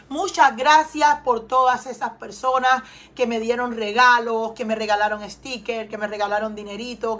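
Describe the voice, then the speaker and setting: On the high side and a bit bright, this Cuban woman's voice carries a Cuban Spanish accent as she gives an earnest tarot reading from her home in Texas. She frequently repeats questions and asks her viewers to respond.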